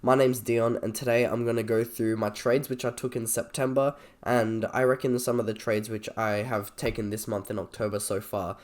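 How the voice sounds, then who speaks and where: Croaky-voiced man, casually explaining. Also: medium pitch, level tone, moderate pace, hardly any pauses. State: sick with a cold or cough. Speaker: trader presenting a video. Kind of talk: casual screen-share trade review.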